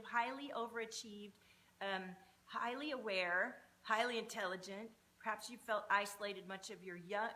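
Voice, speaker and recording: Bright, forceful motivational woman. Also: medium pitch, slight background noise. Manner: informal, sweary. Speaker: energy coach hosting a livestream. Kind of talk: motivational pep talk to livestream viewers.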